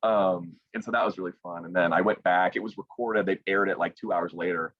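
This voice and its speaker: A young man with a low voice tells his story as a guest over a video call, jumping into lively quoted voices. His laptop mic sounds dry and a little dull, with no room around him. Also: fairly quick, no room sound. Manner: animated storyteller, quotes others with lively voice jumps. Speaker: guest, young sports broadcaster. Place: indoors at home.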